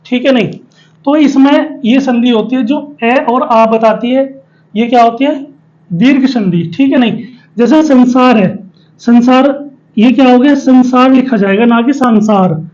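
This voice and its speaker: A man's voice: very high-pitched, measured pace, a little mellow, dull audio. A man teaching a spelling lesson, explaining step by step and often asking questions and answering them himself. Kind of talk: spoken Hindi spelling lesson at a board.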